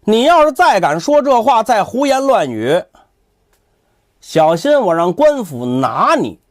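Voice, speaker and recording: A man's voice: high-pitched, very animated, a little slow, no room sound, studio quality. A man voicing a smug young temple monk who boasts, sneers and threatens in a condescending way. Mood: haughty, menacing.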